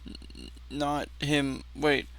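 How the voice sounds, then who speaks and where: This reaction-video host talks very slowly with little pitch movement, reading aloud and commenting while stumbling, repeating phrases and swearing. There's no echo, but the recording is clearly noisy with a heavy rumble underneath.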